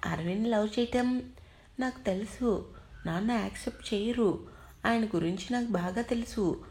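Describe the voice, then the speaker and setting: A woman's voice: medium pitch, a little slow, a little mellow, natural voice. A woman voicing a short-tempered young male boss who scolds curtly. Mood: worried.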